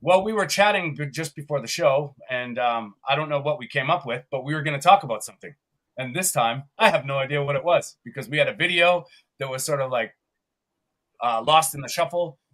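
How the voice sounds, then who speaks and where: A man's voice: mid-range voice, animated, a little fast, a bit bright. A man from Canada co-hosting a live podcast, chatty and upbeat, often laughing as he rambles. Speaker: podcast co-host.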